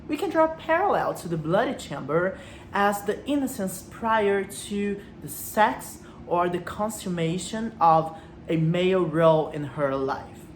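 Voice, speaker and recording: A woman hosts a video of literary commentary, reading out quotes, speaking reflectively, and posing rhetorical questions to her listeners. Her lowish voice is expressive and a little slow. The recording has a roomy echo and faint background noise.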